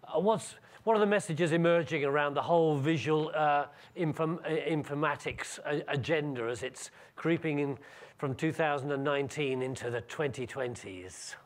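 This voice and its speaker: Guy moderating a panel, kinda high voice, stumbles and restarts on his question. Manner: halting, restarts words while framing a long question.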